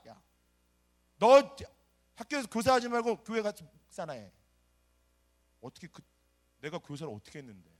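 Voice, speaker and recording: A middle-aged man from South Korea, a pastor preaching a sermon and telling his own story, animated and acting out the people he quotes. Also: mid-range voice. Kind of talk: sermon with personal testimony.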